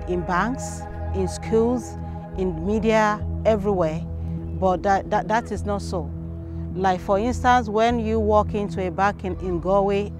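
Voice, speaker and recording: A woman from Nigeria speaking earnestly in a documentary interview, making pointed arguments. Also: mid-range voice. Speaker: community member.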